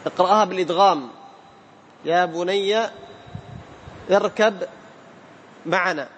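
A man teaching Quran recitation in a classroom, patiently quizzing students and chanting verses slowly. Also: high voice, fairly bright tone. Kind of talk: classroom tajweed lesson. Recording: hall reverb, faint room noise.

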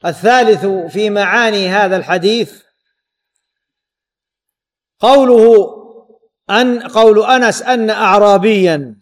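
Man teaching hadith in a high voice, repeats words, quizzes the class. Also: unhurried, long pauses. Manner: repeats key words and quizzes students with "what?". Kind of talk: Islamic lesson explaining a hadith.

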